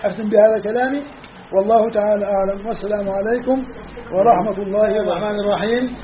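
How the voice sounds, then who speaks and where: Levantine male religious teacher, very high voice, emphatic classroom lecture, thin phone-like sound. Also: fairly even intonation, racing, slight background noise. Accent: Levantine Arabic. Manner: emphatic, repeats and counts off points. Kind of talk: classroom lecture on scripture study. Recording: phone-like narrow band.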